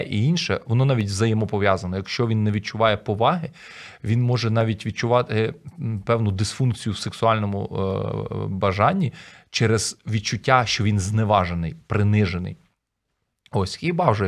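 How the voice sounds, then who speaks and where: A man with a fairly low voice speaks as a pastor guest on a radio talk show from a studio. He is earnest and conversational. He explains his points patiently.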